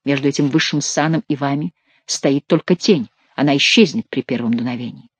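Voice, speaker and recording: An audiobook reader voicing a scheming, flattering nobleman count in a dramatic reading. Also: mid-range voice, a little fast, breathy edge, no room sound. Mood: insinuating.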